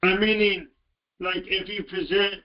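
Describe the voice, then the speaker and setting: A man calls in over a phone line that is breaking up, his voice muffled and set well back from the mic. He sits a bit higher than most men and speaks haltingly, often restarting his words. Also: fairly even intonation, far from the mic. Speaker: caller. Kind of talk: call-in radio talk.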